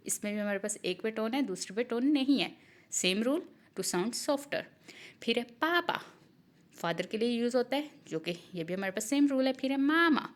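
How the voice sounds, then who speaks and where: A woman from Pakistan, teaching an online Chinese lesson step by step and mixing in English terms. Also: medium pitch. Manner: mixes Urdu with English terms, explains step by step; reads English rule lines slowly and deliberately.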